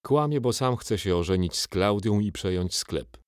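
A man voicing a calm, confiding father in a storybook reading. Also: lowish voice, normal speed, no room sound, studio quality, natural voice.

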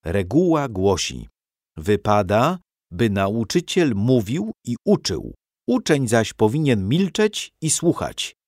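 A man's voice: mid-range voice, big pitch swings, slow, darkish tone, dry recording, studio quality. A man reading a storybook aloud and voicing a strict male monk teacher who lectures his pupils. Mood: stern.

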